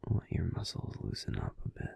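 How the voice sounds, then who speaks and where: Close to the mic, a man whispers in a soft, breathy, calming way as a grumpy young werewolf boyfriend in an ASMR roleplay. His voice sounds natural, and he talks a little fast.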